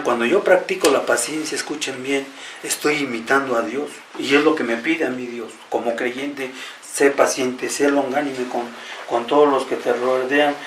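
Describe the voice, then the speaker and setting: A man's voice: medium pitch, a bit bright, slight background noise. Mexican man preaching in an echoey hall. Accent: Mexican Spanish. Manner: earnest, repetitive, often addresses the congregation directly. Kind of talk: sermon. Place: church hall. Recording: roomy echo, from far off, faint ambience.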